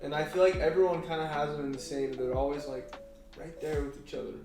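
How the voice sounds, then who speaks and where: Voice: mid-range voice, steady tone, quick pace. A co-host chatting casually and easygoingly with friends about shows they watched. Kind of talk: casual group chat. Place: living room couch with friends. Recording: roomy sound with clear music underneath.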